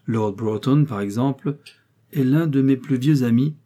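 A man voicing a tearful, agitated gentleman who pleads haltingly in an audiobook. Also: mid-range voice, natural voice. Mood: pleading, emotional.

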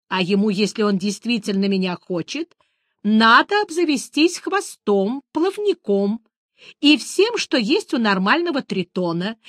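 A woman doing a shrill, indignant siren. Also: no room sound, studio quality. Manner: singsong, squealing, theatrical complaint. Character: capricious young female siren, shrill and indignant.

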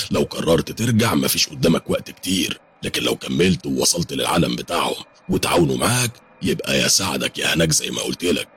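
A man's voice: very deep voice, fairly bright tone, slightly rough, heavily acted. A man with an Egyptian accent voicing a stern male friend who gives blunt warnings in a horror story. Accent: Egyptian Arabic. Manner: blunt, cautioning.

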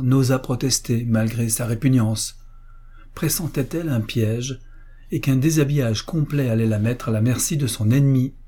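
A man narrating a literary story as an audiobook, reading in measured phrases. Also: medium pitch, mellow, slightly rough.

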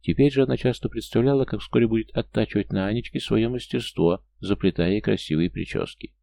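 A man reading an audiobook in a measured, even scripted narration. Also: on the low side, gravelly, no echo.

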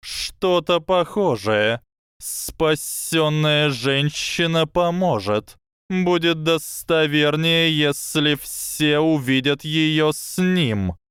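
A man's voice: fairly high pitch, lively intonation, drawn-out words, fairly bright tone, smooth, no echo, clean studio sound, pitched above the performer's own voice, full character voice. A man voicing a sardonic, scheming male snake that hisses its mocking advice. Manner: hissing, mocking, instructive.

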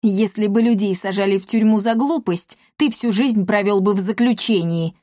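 A woman voicing a haughty, scruffy male cat who hisses his words slowly. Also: medium pitch, steady tone, mellow, no echo, studio quality, lightly acted. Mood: hissing. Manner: hissing, slow.

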